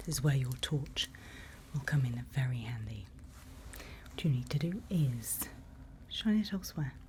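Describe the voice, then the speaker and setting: Whispering close to the mic, a woman in an ASMR roleplay plays a calm forest night-watch guide, giving soothing, unhurried instructions in a calm, hushed mood. Her pitch is extremely low, with slight background noise behind her.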